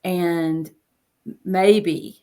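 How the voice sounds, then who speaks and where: A mellow, fairly low female voice, steady in tone and very slow. She's a coach in her fifties, casually telling stories about being an interview guest, chatting away and repeating phrases for emphasis.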